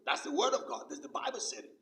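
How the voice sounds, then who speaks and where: Man, pastor, sermon, bright gravelly voice, roomy distant sound. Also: fast. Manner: emphatic, repeats key phrases many times.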